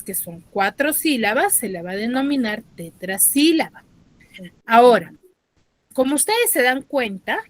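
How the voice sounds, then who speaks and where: Peruvian woman teacher, patient and steady, higher pitch, dry close mic. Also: dry recording. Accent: Peruvian Spanish. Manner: patient, checks understanding with tag questions, slows on key terms. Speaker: school teacher. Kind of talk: online class lesson. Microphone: dry close mic, online class.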